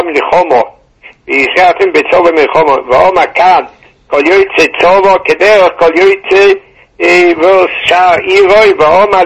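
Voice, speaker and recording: A man teaching a Torah class, halting and repeating words, mixing Hebrew into with a tinge, over a muffled phone line. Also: high-pitched, gravelly, husky.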